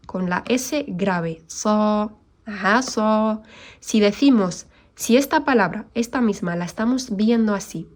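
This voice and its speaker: A woman teaching an online recitation lesson, explaining patiently and modelling Arabic sounds slowly. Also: mid-range voice.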